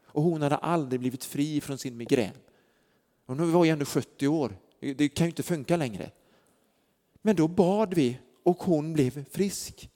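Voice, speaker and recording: A man with a fairly high, mellow voice preaches in a church hall, telling earnest stories with plenty of fillers. A long church hall reverb hangs over the recording.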